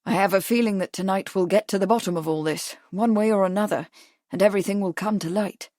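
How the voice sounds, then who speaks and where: A woman narrator voicing a grim, steady Victorian gentleman who speaks calmly and gravely. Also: mid-range voice, fast, no echo, studio quality, lightly acted. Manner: calm, grave.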